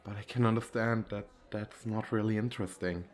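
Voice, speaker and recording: In an ASMR roleplay of an intimate, flirty speed date, a man lightly acts as a shy, nervous, wealthy businessman, rambling hesitantly and putting himself down. His fairly low voice is steady and brisk, and the mood is shy and earnest.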